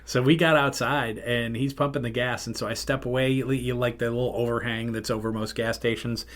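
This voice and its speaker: A man's voice: medium pitch, fairly even intonation, a little fast, a bit bright. A middle-aged man hosting a podcast, telling a rambling, self-interrupting road-trip story in casual chat. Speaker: podcast host.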